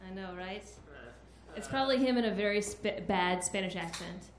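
A woman, the show's co-producer, bantering playfully on stage and yelling a mock rant. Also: medium pitch, normal speed. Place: stage in an echoey venue. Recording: echoey live venue.

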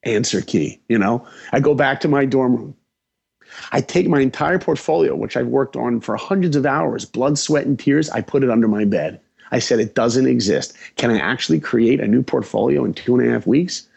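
A man from New York, a guest animator, telling his story with lively acted-out dialogue. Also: medium pitch, normal speed, creaky, slightly rough, highs cut off.

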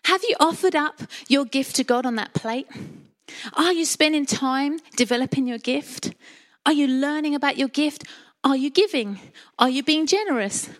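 A woman's voice: high-pitched, normal speed. A middle-aged woman with an Essex accent giving a sermon, chatty and colloquial, with personal stories and rhetorical questions. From Essex, England. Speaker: church preacher.

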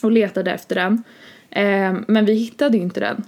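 A woman's voice: mid-range voice, steady tone, darkish tone. A young woman co-hosting a podcast, telling a long story in casual chat, full of fillers. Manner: rambling, many fillers like "liksom" and "typ". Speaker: podcast co-host.

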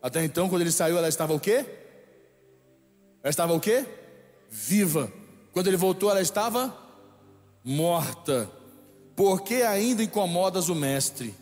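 Preaching as a bishop in an echoey hall with faint music, a man with a Brazilian Portuguese accent repeats lines for his congregation to echo back. His high, slightly mellow voice is animated and emphatic, with a moderate pace and long pauses.

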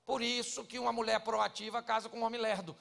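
Brazilian male pastor, 40s, raised pitch with a rough fry, comedic preacher who acts out characters. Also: level tone, quick pace, fairly bright tone, big-room sound. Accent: Brazilian Portuguese. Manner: joking, acts out quoted people in dialogue. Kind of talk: humorous sermon.

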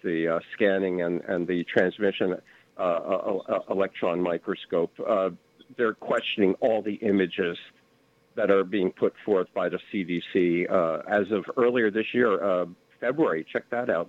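A man's voice: low voice, fairly even intonation, moderate pace, dry recording. A man calling in to a radio show over the phone, rambling from one topic to the next with many fillers. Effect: heard over the phone. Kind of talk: call-in chat. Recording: dull, lo-fi phone line.

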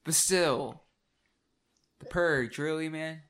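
Bright-voiced laughing podcast guy. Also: a little high, slow pace. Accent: Oklahoma. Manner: laughs a lot, swears casually, restarts sentences. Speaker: podcast co-host. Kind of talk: casual comedic chat.

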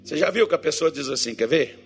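A pastor with a husky, slightly high voice and lively intonation preaches a joking sermon at a fast clip, faint music playing behind him. He teases his congregation and acts out Bible figures and churchgoers in different voices.

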